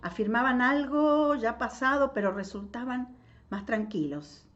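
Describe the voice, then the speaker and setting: A woman with an Argentine accent reading a novel aloud, in a measured way with pauses, adding her own comments. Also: a little high, fairly bright tone. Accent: Argentine Spanish. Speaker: literature reader. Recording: dull lo-fi audio.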